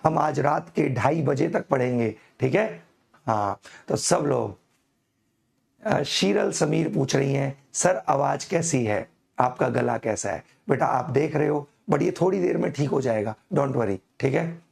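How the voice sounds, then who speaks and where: Hoarse, gravelly chemistry teacher. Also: male voice, a little high, lively intonation, a little mellow. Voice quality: gravelly, echoing double voice. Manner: slow, coaxing, calls students "beta", laughs at himself. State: hoarse from a throat infection. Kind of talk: online live class.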